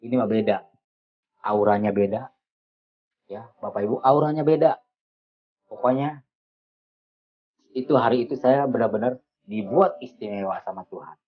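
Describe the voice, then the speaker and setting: Animated man giving a spoken testimony. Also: fairly low pitch, normal speed, pauses often, husky, dull audio. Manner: animated storytelling with repeated phrases. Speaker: testimony speaker to a church audience.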